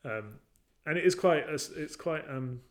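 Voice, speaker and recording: A man's voice: on the high side, animated, normal speed. Chatty man, thoughtful questions. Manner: thoughtful, questioning, many fillers and restarts. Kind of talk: casual chat.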